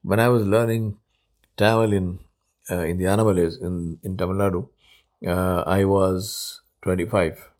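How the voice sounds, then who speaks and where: An Indian man in his 70s whose first language is Urdu hosts a reflective solo podcast, speaking in a low, steady voice. He is unhurried and thoughtful, often pausing with "uh" and restarting his sentences.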